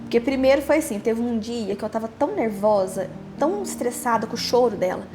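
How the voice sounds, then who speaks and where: A young Brazilian woman telling her own story in a halting way, repeating words and trailing off. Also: fairly high pitch, expressive, over music. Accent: Brazilian Portuguese. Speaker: podcast host interviewed as guest. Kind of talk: emotional personal testimony.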